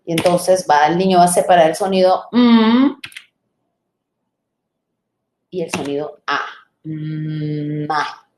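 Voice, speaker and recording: A woman teacher trainer giving a live online lecture, explaining patiently, sounding out syllables slowly and checking in with her listeners. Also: fairly low pitch, lively intonation, darkish tone, reverberant, a little hiss or hum.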